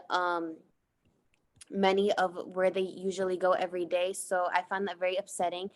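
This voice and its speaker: Speaking at a medium pitch, a student from the United States delivers her class project sincerely. She sticks closely to her slides and often fills pauses with fillers.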